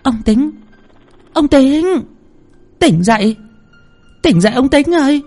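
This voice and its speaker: A man putting on a sharp-voiced wife. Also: extremely high pitch, animated, slow, faint music behind, voice pushed up, exaggerated voice. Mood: urgent. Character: blunt middle-aged wife, startled.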